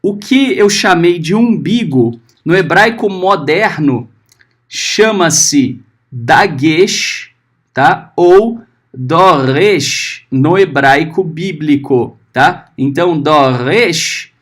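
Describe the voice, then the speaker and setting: Man, teacher, patient, lively intonation, checks understanding often, sounds out syllables. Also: on the high side. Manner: slowly sounds out letters and syllables. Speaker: Hebrew teacher. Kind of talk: recorded class lesson.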